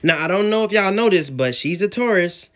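A man's voice: high-pitched, expressive, brisk. A young man chatting casually to camera in a family vlog, slangy, laid-back and teasing. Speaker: family vlogger.

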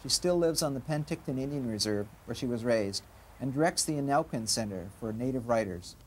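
A man's voice: medium pitch, animated, slight background noise. Man narrating a documentary. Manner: measured, informative. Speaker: documentary presenter.

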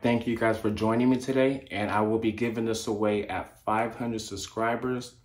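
A man with a low voice hosts a casual vlog about his toy collection. He talks earnestly and eagerly and repeats his key phrases. The room around him rings with echo. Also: level tone, normal speed. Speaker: toy collecting channel host. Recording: echoey room.

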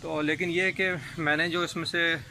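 Speaking at a normal speed in a slightly high, flat, sharp voice, a rooftop goat-farming vlogger walks through how he makes hay for his goats, step by step and full of fillers. He holds a phone camera outdoors on the rooftop, and background noise is clearly audible in this casual explanatory vlog.

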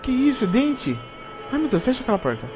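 Jumpy Brazilian gamer swearing at a horror game. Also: male voice, extremely high pitch, huge pitch swings, fairly quick, highs cut off, music in the background. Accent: Brazilian Portuguese. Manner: jumpy, swearing, talks to himself. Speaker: gaming youtuber. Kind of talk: horror game let's play commentary.

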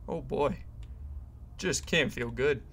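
A man's voice: mid-range voice, takes it slowly, a bit bright, slightly rough. A man giving casual, jokey commentary to himself while he plays a horror game. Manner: chatty, jokey, muttering to himself. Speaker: gamer playing a horror game. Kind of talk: casual let's-play commentary.

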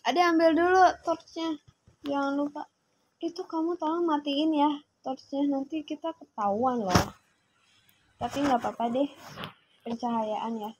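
A woman's voice: high-pitched, steady tone, measured pace, long pauses, dull audio, slight background noise. A young woman, chatting casually through a game and bossing her younger sibling around. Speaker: gaming streamer. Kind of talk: casual gameplay commentary.

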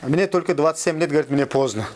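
Guy co-hosting, talks super quick, kinda high voice, keeps repeating himself. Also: darkish tone, a little hiss or hum. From Kyrgyzstan. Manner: rapid, repetitive, broken phrasing. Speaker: co-host judging fighters. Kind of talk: casual interview chat.

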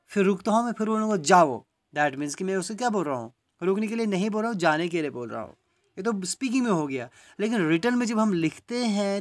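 A man teaching a grammar lesson for exam students, mixing English phrases into his talk and often checking with "right?". He slows right down to read out example sentences. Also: high-pitched.

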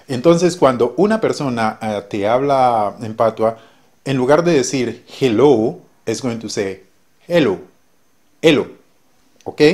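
A man's voice: mid-range voice, darkish tone. Friendly man teaching a language lesson. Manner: friendly, explains slowly with examples. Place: based in Jamaica.

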